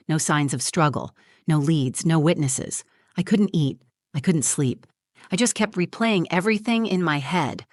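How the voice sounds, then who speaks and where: A woman tells a first-person story in a measured, reflective voice, leaning on short dramatic phrases. Her voice sits on the low side. The recording is dry and close, with no room sound. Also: no echo. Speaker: narrator.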